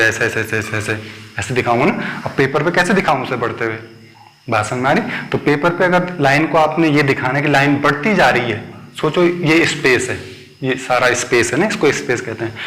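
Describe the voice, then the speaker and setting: A male maths teacher explains ideas at a board in a mid-pitched voice. He is patient and repeats himself, often asking whether the point is clear. The sound rings in an echoey room. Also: a bit bright. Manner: patient, repeats points and checks understanding with the class. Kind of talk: whiteboard maths lesson for children. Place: classroom at a board.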